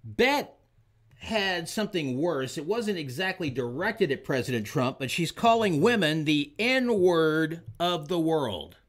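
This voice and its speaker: A man hosts his own talk show, holding forth on politics in a fairly high voice that swoops up and down. He hammers his points with repetition and punchy emphasis, pitching his opinions straight at the listener. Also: very animated, measured pace. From Oklahoma, US. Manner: emphatic, repeats lines for punch. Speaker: show host.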